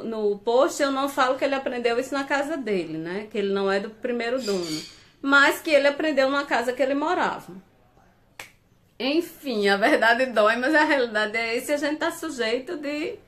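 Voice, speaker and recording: A woman's voice: high voice, fairly bright tone. A woman hosting a casual live stream from home, reading viewer comments aloud and laughing often.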